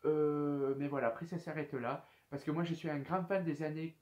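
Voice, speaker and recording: A man's voice: a little high, steady tone, moderate pace, darkish tone, muffled recording. A man of twenty-one chatting casually to camera as a YouTube host, hesitant and full of fillers as he reads out viewer questions. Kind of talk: casual FAQ chat to camera.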